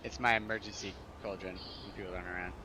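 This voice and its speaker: A man's voice: low-pitched, steady tone, fast talker, a crowd in the background. A man joking and chatting casually with his guild in a gaming voice chat. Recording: voice chat over loud game music.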